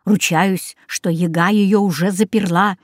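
A woman voicing a gruff, grumbling male dog in a storybook reading. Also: mid-range voice, fairly even intonation, a little slow, dry recording, studio quality, close to an everyday voice. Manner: growling, grumbling.

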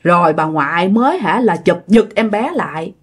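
A woman's voice: lowish voice, animated, normal speed, husky. Chatty woman storyteller. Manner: chatty, addresses listeners directly. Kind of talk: casual ghost-story narration.

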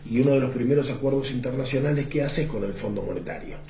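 A man in his seventies with an Argentine Rioplatense accent, recounting political history in a reflective, unhurried way, often pausing on filler words. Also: medium pitch, dark tone. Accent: Argentine Rioplatense Spanish. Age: 70s. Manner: reflective, unhurried storytelling with frequent "este" fillers. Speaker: interviewee. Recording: roomy with faint background noise.

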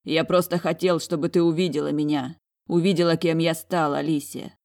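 A woman's voice: low-pitched, flat delivery, moderate pace, a little mellow. A woman voicing a proud young man who pleads earnestly for forgiveness, in storybook narration. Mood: pleading.

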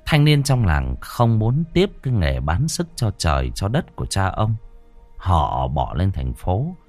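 A man narrating a ghost story in a measured, expressive storytelling manner. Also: low voice, soft background music.

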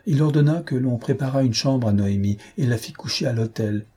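A man narrating an audiobook novel in a measured, dramatic reading style. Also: mid-range voice, warm tone, husky. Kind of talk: scripted narration.

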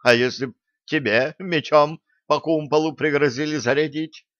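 A man's voice: on the high side, steady tone, moderate pace, fairly bright tone, no echo, pitched above the performer's own voice, natural voice. A man voicing a sarcastic female ship computer that appears as a ghostly gnome hologram, in a dull lo-fi audiobook recording. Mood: snarky. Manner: hissing, sarcastic.

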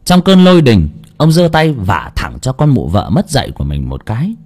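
A man's voice: mid-range voice, sing-song, normal speed, darkish tone, husky. A man narrating an audiobook story dramatically. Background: faint music.

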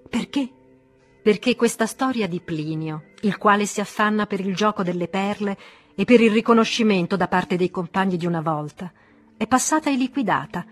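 A woman reading the part of a calm, kindly older man who answers his friend with gentle, measured composure, in an audiobook. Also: mid-range voice, lightly acted.

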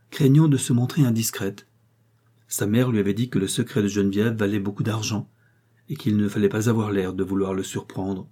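Low husky male audiobook narrator. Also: dark tone. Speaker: audiobook reader. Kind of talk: scripted narration of a novel.

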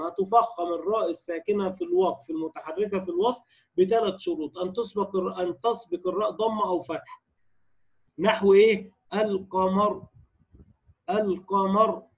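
A man with an Egyptian Arabic accent teaching Quran recitation, moving between easygoing explanation and slow, drawn-out recitation of each example, repeated several times. His voice sits fairly high and sounds husky. The recording is dull and lo-fi. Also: a bit bright. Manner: explains rules casually, then recites verse examples slowly and repeats them. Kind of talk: tajweed lesson in colloquial Arabic.

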